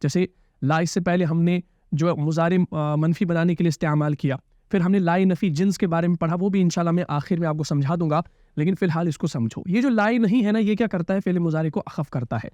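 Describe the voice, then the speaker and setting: High-voiced male Arabic grammar teacher. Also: brisk, darkish tone, dry recording. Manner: explains patiently, repeats key terms, checks understanding with questions. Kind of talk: classroom-style grammar lesson.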